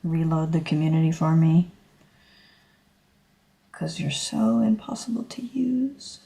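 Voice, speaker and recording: A woman's voice: low-pitched, animated, a little slow, gravelly, warm tone, slightly rough. A teenage girl from Australia, chatting casually on a drawing livestream and rambling with lots of fillers and self-corrections. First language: English. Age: teens. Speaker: streamer.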